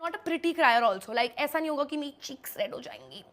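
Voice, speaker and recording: A young woman influencer telling a story in a rapid, dramatic way, switching between Hindi and English. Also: high-pitched, lively intonation, a bit bright. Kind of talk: storytelling on a show.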